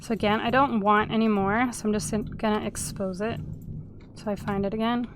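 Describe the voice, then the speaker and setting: With a medium-pitched, steady voice and a slightly quick pace, a woman narrates her gameplay amid background noise. She's a video host with a sniffly cold, chatty and casual, humming and singing little tunes to herself as she goes.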